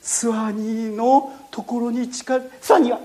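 A woman telling a Bible-lesson story to children, lively and full of sound effects, speaking to her listeners. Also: on the high side, moderate pace.

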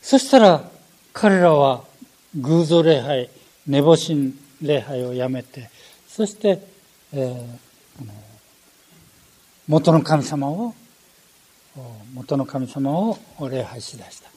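An older man preaching a sermon, animated, with frequent fillers and self-corrections. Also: fairly high pitch, slow, pauses often, husky.

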